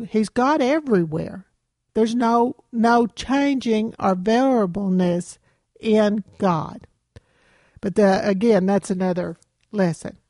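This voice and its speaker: A woman teaching a Bible lesson in a relaxed, conversational way, asking her listeners questions as she goes. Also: medium pitch, dry recording, clean studio sound. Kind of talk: sermon. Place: small room, no live audience.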